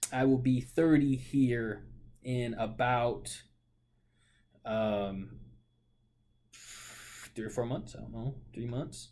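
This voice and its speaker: A late-twenties man from Portland, Oregon vlogs about his life with a steady, slightly mellow mid-range voice, speaking slowly and pausing often. The talk meanders, full of filler words and corrections.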